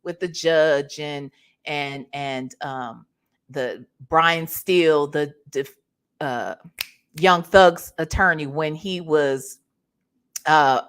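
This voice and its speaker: With a low, smooth voice and drawn-out words, a woman runs an online reaction show full of casual gossip talk. Her style is sassy, slang-heavy and foul-mouthed, and she keeps stressing her points with pointed rhetorical check-ins.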